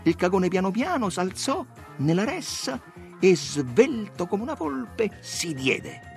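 A man reading a story aloud in a dramatic, expressive way. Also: high voice, takes it slowly, gravelly, soft background music. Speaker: narrator.

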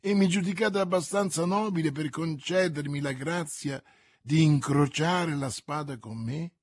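A man reading aloud and voicing a grave musketeer who speaks coldly and calmly, with a husky voice. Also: a little high. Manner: cold, measured, calm.

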